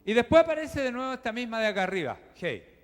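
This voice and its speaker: A man's voice: very high-pitched, very animated, fast. A man preaching a sermon as pastor, explaining to the congregation in a chatty, direct way. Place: church hall. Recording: reverberant church hall with music.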